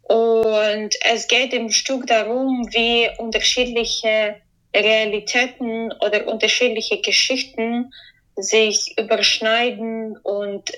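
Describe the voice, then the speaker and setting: A woman, a composer answering interview questions. She talks hesitantly, searching for words and filling pauses. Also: mid-range voice, fairly bright tone, poor audio. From Ukraine.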